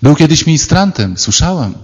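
A man's voice: on the high side, sing-song, normal speed, darkish tone, husky, long reverb tail, lo-fi sound. Priest guy giving a sermon, ironic and playful, acts out people mid-story.

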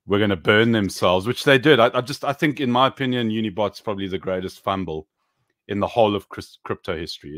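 A man in his thirties co-hosting a casual crypto chat on a video call, animated and emphatic, swearing casually. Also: low voice, no room sound, clean studio sound. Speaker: co-host. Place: home room. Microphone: webcam video call.

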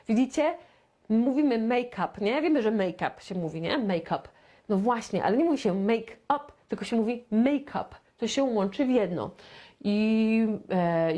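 A woman with a Polish accent teaching English to beginners in a casual, chatty way, saying example phrases slowly and repeating them. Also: medium pitch, a little mellow.

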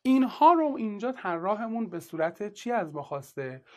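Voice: medium pitch, very animated. A teacher giving an exam-prep literature lesson in casual, colloquial speech, walking through each step and asking rhetorical questions along the way.

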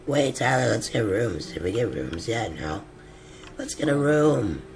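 A man hosting a game role-play, joking loudly and laughing as he plays. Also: medium pitch, sing-song, a little slow, creaky, slight background noise. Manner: loud, laughing, joking outbursts. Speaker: gamer host.

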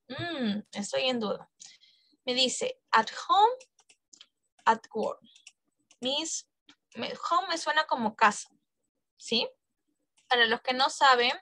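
A woman's voice: a little high, a bit bright, no room sound. A woman teaching an English exam-prep class, coaxing students and checking in with frequent questions.

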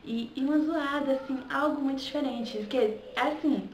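A young adult woman from Salvador, Bahia, Brazil chats casually in a home vlog with a Bahian Brazilian Portuguese accent, often checking in with "sabe?" as she makes her points. Her voice sits high at a moderate pace. The echoey room carries faint ambience and slight background noise.

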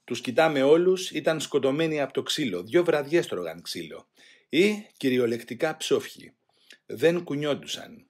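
A man reading a first-person memoir aloud in a grave, measured way. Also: medium pitch, animated, breathy edge. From Greece. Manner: grave, measured, voicing shouted quotes louder. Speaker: audiobook reader.

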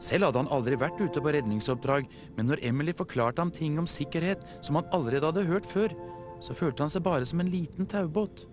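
A man from Norway narrating a children's TV story in an animated storytelling way. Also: on the high side. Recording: music playing behind.

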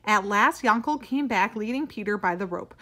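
A woman reading a children's picture book aloud as a storyteller, expressive and animated. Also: medium pitch, normal speed.

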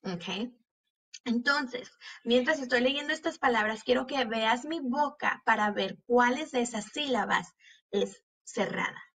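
Woman teacher sounding out syllables really slow, bright slightly breathy voice. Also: fairly high pitch. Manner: spells words letter by letter, models sounds. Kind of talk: slow, clear reading lesson for children.

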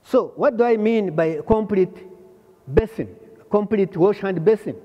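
An older man from Rwanda giving a hands-on plumbing lesson, pausing often and repeating phrases as he shows the parts. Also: high-pitched, long reverb tail, highs cut off. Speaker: plumbing instructor. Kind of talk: slow hands-on trade lesson. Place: large workshop hall.

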